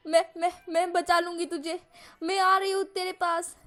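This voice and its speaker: A woman's voice: very high-pitched, level tone, moderate pace, fairly bright tone, voice pushed up. A woman doing a brave, determined young woman.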